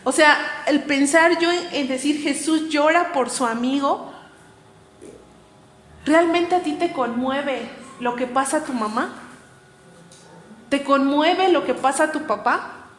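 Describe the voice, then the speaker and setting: A woman's voice: sits high, takes it slowly, long pauses. A woman preaching to young people in an earnest, conversational way, full of fillers. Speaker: youth preacher. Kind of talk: youth sermon. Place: church hall. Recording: echoey hall with faint ambience.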